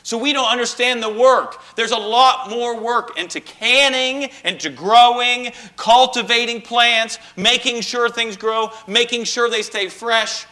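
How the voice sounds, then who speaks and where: A man's voice: extremely high pitch, unhurried, few pauses, sharp tone. A man preaching a sermon as pastor, telling stories and rising into emphatic bursts.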